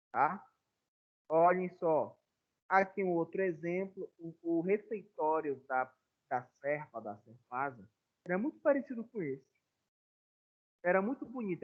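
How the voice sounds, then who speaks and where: A man teaching a class as professor, explaining in a conversational way and often checking in with the students. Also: fairly high pitch. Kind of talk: live online lecture. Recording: tinny phone-like audio.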